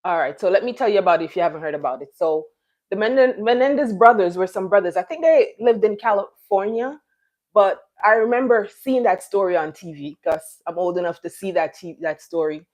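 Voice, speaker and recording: A middle-aged Jamaican woman hosts a casual live stream chat, rambling along with lots of fillers and restarting her sentences as she talks to viewers. Her voice is fairly low-pitched with a darkish tone.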